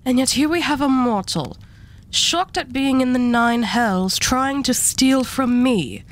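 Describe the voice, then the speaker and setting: A woman whose voice sits high performs a scripted ASMR roleplay as an arch devil who hoards relics. Her poise is unhurried, condescending and politely threatening, and the mood is coolly menacing.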